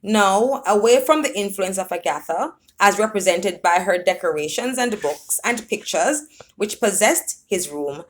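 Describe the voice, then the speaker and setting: A woman's voice: mid-range voice, lively intonation. A woman reading a literary story aloud, laughing at times as she reads. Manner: unhurried, laughs while reading. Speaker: reader.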